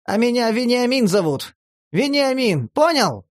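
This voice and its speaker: A man voicing a touchy, tearful homeless male addict in a horror audiobook, talking in a shrill, agitated, pleading way. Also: expressive, measured pace, no echo, clean studio sound. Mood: aggrieved. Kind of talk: audiobook character voice.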